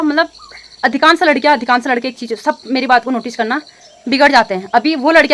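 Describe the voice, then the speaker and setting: A young adult woman from India, a vlogger, talks quickly in a somewhat high, fairly bright voice to her phone camera. She is upset and rambling, often restarting sentences and filling pauses with hesitations. It's an unscripted, casual vlog.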